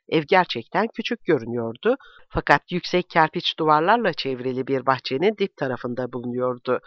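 A man reading a novel aloud as narrator in a steady, measured way. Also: mid-range voice, no room sound. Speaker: audiobook reader. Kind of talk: scripted narration. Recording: dull, dry recording.

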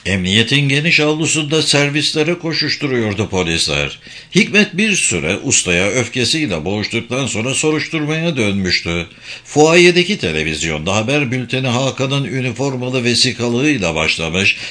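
Expressive male crime novel narrator. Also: mid-range voice. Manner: measured, expressive reading.

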